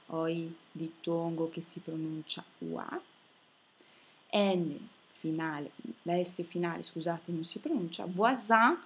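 A woman teacher works through a reading lesson at a very unhurried pace. Her voice has a slightly husky, breathy edge. She spells out each word sound by sound and marks which letters stay silent. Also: fairly low pitch. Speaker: French teacher. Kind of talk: slow phonetics lesson for students.

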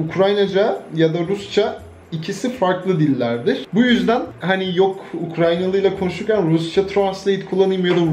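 A man's voice: high voice, a little mellow, a little hiss or hum. A young man from Turkey chatting casually in a vlog, joking, swearing freely and laughing often. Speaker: YouTuber.

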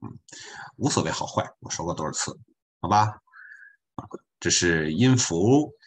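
A man's voice: deep voice, animated, unhurried, breathy edge. A man teaching a beginner French class online as a volunteer, patiently repeating his points with chatty asides.

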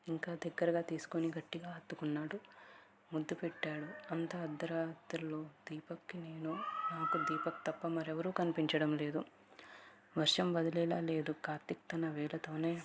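A woman narrates a romantic story in the first person, with a low voice that stays flat and even. She reads softly and slowly, at times dropping to a whisper. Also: noisy background. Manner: soft, slow, partly whispered reading.

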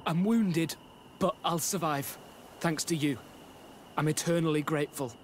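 An actor playing a wounded, grateful young recruit in a video game. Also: male voice, fairly high pitch, unhurried, a little hiss or hum, natural voice. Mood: weak, grateful.

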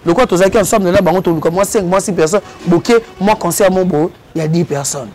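A man's voice: sits high, quick pace. A man animatedly telling a story as a guest in a casual interview. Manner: lively, switches between Lingala and French.

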